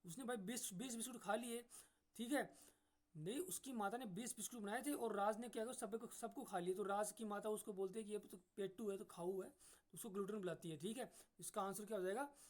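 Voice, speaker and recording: A man with a fairly high voice teaches an exam-prep English class. He explains each point slowly, repeats "ठीक है" as a check-in, and reads English sentences out with drawn-out care.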